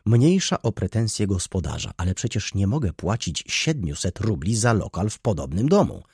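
A man's voice: fairly low pitch, big pitch swings, normal speed, darkish tone, slightly rough, dry recording, clean studio sound, exaggerated voice. A man reading an audiobook, voicing a hysterical, self-righteous aristocratic baroness with melodramatic, indignant outbursts.

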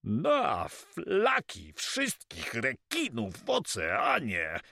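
A man voicing a loud, hot-tempered male pirate who blusters and swears by sharks in an audiobook. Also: mid-range voice, wildly swooping pitch, very slow, creaky, no room sound, studio quality, pitched above the performer's own voice, heavily acted. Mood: furious. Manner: blustering, shouts sea-themed curses. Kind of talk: audiobook character voice.

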